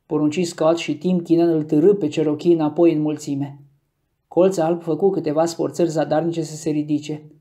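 A man reading an audiobook chapter in steady storytelling narration. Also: fairly high pitch. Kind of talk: scripted narration.

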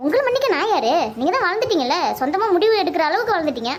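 Woman voicing shrill scolding cartoon mother. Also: sing-song, rapid-fire, slight background noise. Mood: scolding, bitter. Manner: cold, scolding and bitter. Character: angry stubborn village mother. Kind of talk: animated family comedy-drama.

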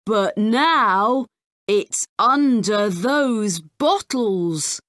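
A woman voicing a worried, earnest young boy in a slow storybook voice. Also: medium pitch, lively intonation, fairly bright tone, no echo, studio quality.

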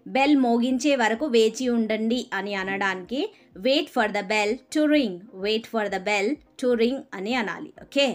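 A woman with a Telugu accent teaching spoken English. She gives a phrase in Telugu, then says the English slowly and repeats it. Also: on the high side, soft background music.

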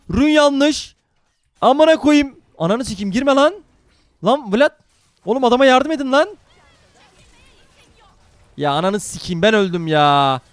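High, brash, foul-mouthed streamer guy. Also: no room sound. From Turkey. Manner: brash, profane, excitable banter with chat. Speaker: live streamer. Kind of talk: live gaming stream commentary.

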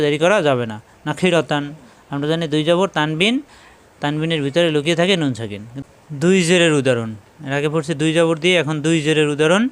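A man with a slightly raised pitch leads a patient recitation drill. He spells out each syllable and repeats every word three or four times, adding brief pointers on where the tongue should sit. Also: smooth. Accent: Bangladeshi Bengali. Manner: gives pronunciation corrections. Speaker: Quran reading teacher.

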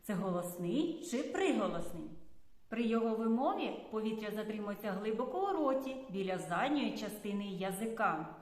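A woman teacher gently explaining a speech sound to small children in an instructive way. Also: medium pitch, expressive, normal speed. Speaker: preschool teacher. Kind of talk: children's lesson narration. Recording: roomy hall with reverb.

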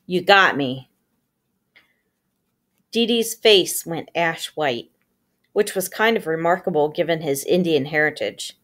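A woman reading a novel aloud with steady storytelling, giving the characters their own voices. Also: sits low, normal speed. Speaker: audiobook reader.

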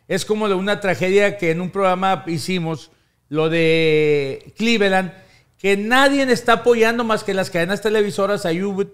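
A man from the United States hosting a casual studio talk show, rambling and animated, speaking into a boom mic. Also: smooth. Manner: rambling, animated, gestures with hands. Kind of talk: casual chat. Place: small studio with brick wall and blue lights. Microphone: studio mic on boom, headphones.

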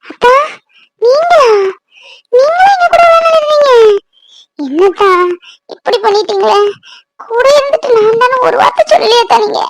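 A woman's voice: expressive, very fast, hardly any pauses. A woman playing a young sister who cries and pleads with her long-lost brother in a family skit. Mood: reproachful. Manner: pleading, reproachful, high-pitched. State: crying.

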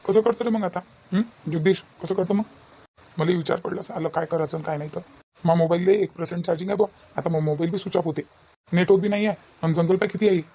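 Someone voicing an anxious grown son, gravelly and dark. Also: mid-range voice, quick pace, lightly acted. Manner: fretting, placating. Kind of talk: cartoon voice acting.

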